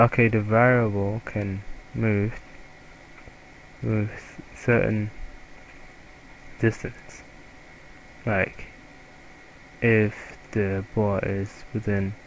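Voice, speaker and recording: A young man with a German accent, a German native speaker, giving a halting, self-correcting software tutorial over a screen recording. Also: fairly low pitch, creaky, highs cut off, a little hiss or hum. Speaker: student presenter.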